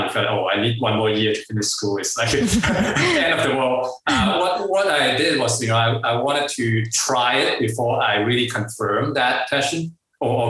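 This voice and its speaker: In an echoey room, well away from the microphone, a Hong Kong-accented man with a bright, medium-pitched voice tells stories as a guest entrepreneur in a casual interview. He speaks haltingly, with many fillers and restarts, and laughs often.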